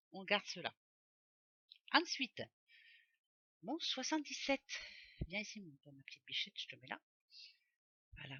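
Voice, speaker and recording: A woman's voice: on the low side, sharp tone, no room sound, dull audio. A woman doing a casual oracle card reading for her viewers, chatty and rambling, often correcting herself aloud. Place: home office.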